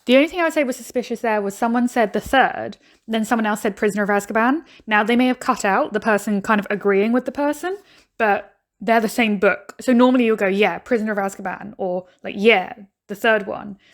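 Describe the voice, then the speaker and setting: A woman's voice: mid-range voice, a little fast. A woman giving casual reaction commentary on a video, chatty, thinking aloud and laughing now and then. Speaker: YouTuber reacting to a game show video.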